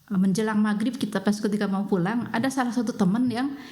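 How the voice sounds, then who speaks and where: A woman's voice: medium pitch, steady tone, mellow. Reflective Sundanese woman telling her story. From West Java. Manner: reflective, with frequent pauses and fillers. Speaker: guest. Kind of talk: personal storytelling in a podcast.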